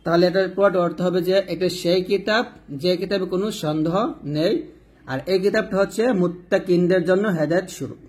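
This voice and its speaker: A man teaching Quran reading in Bengali, spelling letters and vowel marks syllable by syllable and chanting the verses slowly. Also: sits high, fairly even intonation, a little mellow. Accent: Bangladeshi Bengali.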